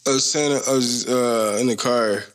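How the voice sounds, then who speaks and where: A podcast host in his thirties chats casually on his solo show, rambling, slangy and joking. His mid-range voice keeps a steady tone at a moderate pace.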